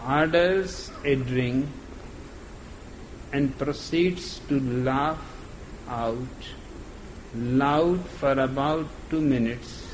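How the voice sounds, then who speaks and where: A man telling a joke slowly, laughing as he tells it. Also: mid-range voice. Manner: slow, laughing through the telling. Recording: noisy background ambience.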